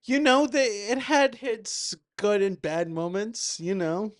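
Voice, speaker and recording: A man's voice: high-pitched, expressive. A man who works in real estate, chatting as a podcast guest in a playful, rambling way. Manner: playful, quick-witted, rambling. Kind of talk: casual chat.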